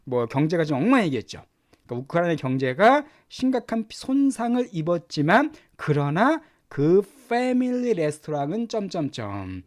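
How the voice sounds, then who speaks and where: A middle-aged man teaching English lessons, explaining words and pronunciation with lively repetition. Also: on the high side, normal speed. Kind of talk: Korean-language English lesson.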